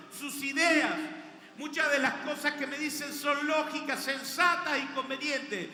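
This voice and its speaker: A man's voice: very high-pitched, sharp tone. A man with a Rioplatense Spanish accent preaching a sermon as pastor, leading the congregation in call-and-response and building in intensity. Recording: echoey hall with music behind.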